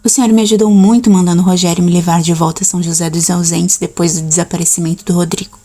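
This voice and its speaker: A woman reading the lines of a quiet, discreet woman speaking softly. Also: lowish voice, flat delivery, fast, natural voice. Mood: grateful. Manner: soft-spoken, discreet.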